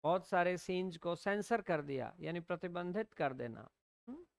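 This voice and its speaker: A woman from India teaches English vocabulary in a classroom lesson, mixing Hindi with English and spelling words out letter by letter. Her voice sits on the low side, lively with some vocal fry, and there's no echo. She explains slowly and keeps asking "है ना?" to make sure students follow.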